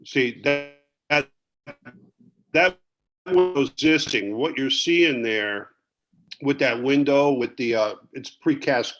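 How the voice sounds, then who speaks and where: A man presenting building plans over a video call, talking in a halting way with many restarts, his audio crackling and cutting in and out. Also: mid-range voice, over music. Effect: choppy audio cutting in and out with crackle. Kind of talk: explaining plans at a public meeting. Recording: dull lo-fi video call audio that keeps dropping out.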